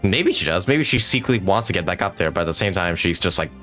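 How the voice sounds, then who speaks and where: A man with a deep, animated, somewhat bright voice gives casual live gameplay commentary as a game streamer, speaking at a quick pace. He is chatty and rambling, chuckles often and says "like" a lot, with game music in the background.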